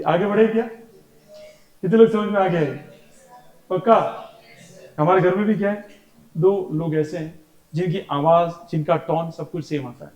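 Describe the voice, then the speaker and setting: A male science teacher giving a classroom lecture, chatty and teasing, breaking into stories and imitations of his family. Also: high-pitched. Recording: echoey classroom.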